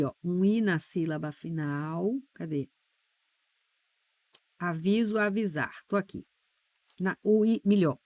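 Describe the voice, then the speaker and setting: A woman with a Brazilian Portuguese accent teaches an online exam-prep class. She explains step by step, slows down on key letters and keeps checking that the viewer follows. Her mid-pitched voice sounds close and dry. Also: no echo.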